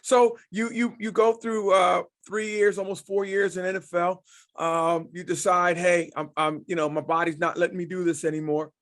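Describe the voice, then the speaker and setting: Male podcast host, higher register, casual and affirming. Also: little pitch movement, normal speed, fairly bright tone. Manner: affirming, backchannels with frequent "yeah". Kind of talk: casual interview chat.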